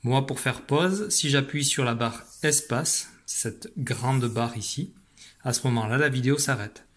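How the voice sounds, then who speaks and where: A man's voice: mid-range voice, a little slow. A man teaching a reading lesson to young children over video, explaining patiently and encouraging them, recorded at a computer at home. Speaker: primary school teacher. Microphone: computer at a desk.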